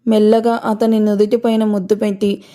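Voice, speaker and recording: A woman narrating an audio story in a steady storytelling voice. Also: mid-range voice, normal speed.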